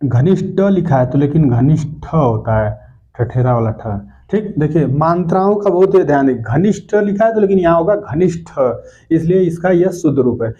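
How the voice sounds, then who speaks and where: Man, teacher, mellow voice, repeats words slowly, dull lo-fi sound. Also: a little high, animated. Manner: explains step by step, repeats each correct word slowly. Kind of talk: spelling lesson lecture. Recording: dull lo-fi recording.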